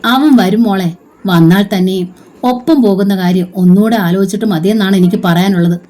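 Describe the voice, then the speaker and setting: A woman voicing a worried older male teacher who reasons gently with a girl. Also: medium pitch, fairly quick, close to an everyday voice. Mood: concerned.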